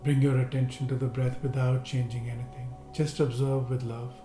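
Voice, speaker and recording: A man guiding a seated relaxation and breathing meditation, giving slow, calm, gentle instructions with long pauses. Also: mid-range voice. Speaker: meditation guide. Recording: roomy echo with faint music.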